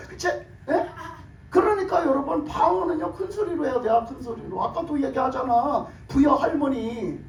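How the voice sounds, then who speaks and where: A man preaching a sermon in a hoarse, worn voice, pressing his point with rhetorical questions and laughter. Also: very high voice. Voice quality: hoarse, broken voice from years of shouted prayer. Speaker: pastor. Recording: echoey room, mic at a distance.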